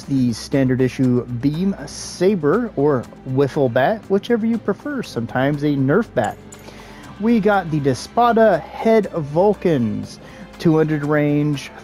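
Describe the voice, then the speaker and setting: A man hosting his gaming channel, giving relaxed, casual gameplay commentary with joking asides and the odd filler pause. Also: fairly high pitch.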